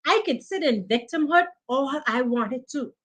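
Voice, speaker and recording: A woman's voice: high-pitched, expressive, a little slow. A woman in her thirties giving an earnest, preaching motivational talk on a live stream, thanking viewers by name as she coaches them. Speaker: life coach hosting a live training.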